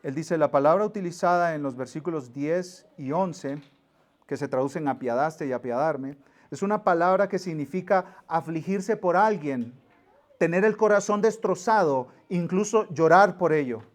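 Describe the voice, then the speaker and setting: A middle-aged man preaching, his voice sitting a little high for a man. He tells stories vividly, acting out the people in them. Then he drops to a near-whisper to press a point home. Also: moderate pace. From Mexico. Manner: animated storyteller, acts out voices, drops to near-whisper for emphasis. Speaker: pastor. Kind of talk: sermon.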